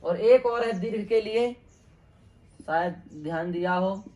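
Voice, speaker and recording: A man's voice: sits high, a little slow, darkish tone. Guy teaching sanskrit grammar, keeps asking the class questions then answering himself, repeats terms a lot.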